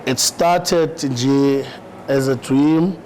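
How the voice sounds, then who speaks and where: A man's voice: mid-range voice, very slow, a little mellow, rough recording. Easygoing South African man in his thirties. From South Africa, Eastern Cape. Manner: easygoing, repeats words, often says "you know". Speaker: rapper and actor, guest. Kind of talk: relaxed podcast interview.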